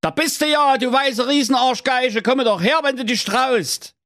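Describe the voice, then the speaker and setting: Man doing a cocky high-voiced prince. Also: normal speed, fairly bright tone, no echo, clean studio sound. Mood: taunting. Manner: taunting challenge. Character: cocky cunning young prince.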